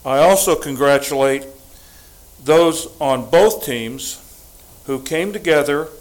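An older man from the United States giving a prepared, formal statement to a school board, deliberate and emphatic. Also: a little high, low-quality recording. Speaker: public commenter at school board meeting.

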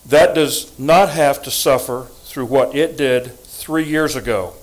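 A man's voice: mid-range voice, rough recording. Older man giving a formal public address. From United States. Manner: formal, deliberate, emphatic. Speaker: public commenter at school board meeting. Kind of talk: prepared public statement.

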